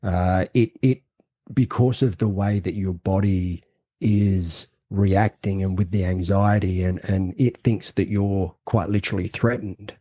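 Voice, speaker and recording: A man co-hosting a casual podcast conversation, explaining ideas in a halting way with many restarts and fillers. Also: sits low, fairly even intonation, mellow, dry recording, clean studio sound. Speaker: co-host.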